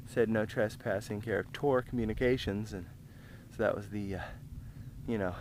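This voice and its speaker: Out on rural roads mid-run, an American man with a voice on the low side vlogs casually for his viewers. Worn out from the long run, he stops to catch his breath between phrases, with clean outdoor ambience around him.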